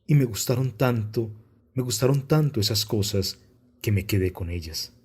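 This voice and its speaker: A man's voice: mid-range voice, lively intonation, moderate pace, a little mellow, slightly rough. A man reading a guilty thief confessing.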